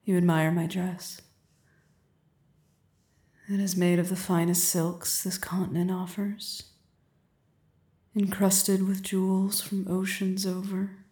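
A woman playing a commanding, seductive queen, speaking slowly and imperiously and often dropping to a whisper. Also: lowish voice, completely flat delivery, warm tone. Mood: regal, commanding. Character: commanding, seductive adult queen on her throne. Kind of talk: audio roleplay. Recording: roomy echo.

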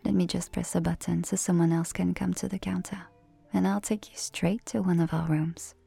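Woman doing a doting massage attendant, breathy asmr whisper, little french pet names, kinda husky and creaky. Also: on the low side, level tone, moderate pace, faint music behind, heavily acted. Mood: soothing. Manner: soft whispering, sprinkled with French endearments. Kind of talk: ASMR roleplay.

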